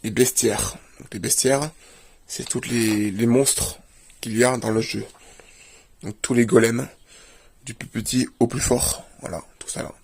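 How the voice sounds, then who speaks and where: A man's voice: mid-range voice, fairly even intonation, a little slow, gravelly, pauses often, darkish tone, a little hiss or hum. A man, a video creator, doing a casual show-and-tell and plainly listing items one after another. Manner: plainly lists items while leafing through a book.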